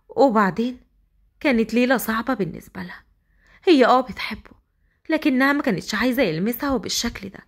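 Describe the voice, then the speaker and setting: Fast, lively Egyptian woman storyteller. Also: on the high side, breathy edge. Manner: dramatic, quick narration. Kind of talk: audio romance storytelling.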